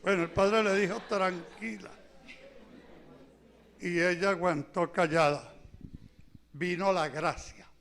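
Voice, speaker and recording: A man preaches at a retreat with a high, bright voice. He speaks slowly and stresses each point with emphasis. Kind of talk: preaching commentary.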